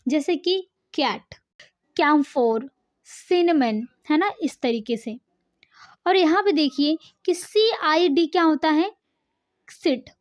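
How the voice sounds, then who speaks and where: A woman with a high voice teaches an online English lesson. She explains each point step by step and keeps checking in with her learners. The recording sounds a little dull and lo-fi.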